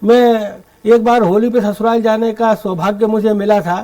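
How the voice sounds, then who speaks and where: A man with a very high voice performs comic verse for a room of listeners at a poetry gathering. He is theatrical and says each punchline twice to let it land. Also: steady tone, moderate pace, dark tone, low-quality recording. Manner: theatrical, repeats punchlines for effect. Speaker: poet reciting at a poetry gathering. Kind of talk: humorous poetry recitation.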